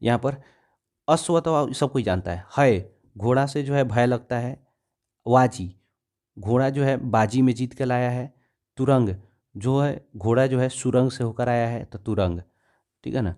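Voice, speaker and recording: Male Hindi tutor with a Bihari accent, mellow tone, repetitive drilling delivery. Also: medium pitch, unhurried. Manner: repeats words, checks understanding with "ठीक है ना". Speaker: teacher. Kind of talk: exam-prep grammar lesson.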